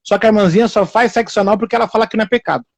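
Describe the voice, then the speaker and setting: A man's voice: high voice, racing, creaky, no echo. A man preaching informally on a live stream, repeating himself and acting out the people he quotes. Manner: repetitive, animated, acts out quoted people in raised voices.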